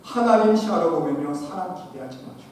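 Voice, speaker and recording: Male pastor, preaching, emphatic swings from loud to soft, big reverberant church hall, faint room noise. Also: a little high, lively intonation, brisk. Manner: emphatic preaching, swinging between loud exhortation and quiet asides; addresses the congregation often. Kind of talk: sermon. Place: church sanctuary. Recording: echoey church hall, preacher far from mic.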